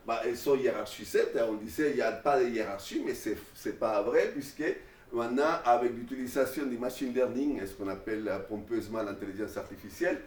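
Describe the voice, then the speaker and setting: A man delivering an informal classroom lecture in an animated way, often restarting his phrases. His voice sits in the middle range. The room echoes, and the mic is far away. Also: mid-range voice, fairly quick. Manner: animated, repetitive restarts and fillers.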